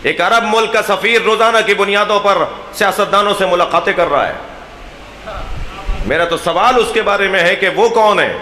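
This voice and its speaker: Impassioned high-voiced Pakistani cleric in echoing hall. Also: male voice, a little hiss or hum. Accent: Pakistani Urdu. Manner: oratorical, rising to loud declamation then dropping low. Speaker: Shia cleric addressing a majlis. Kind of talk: impassioned sermon. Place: large imambargah hall. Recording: echoey hall with long reverb.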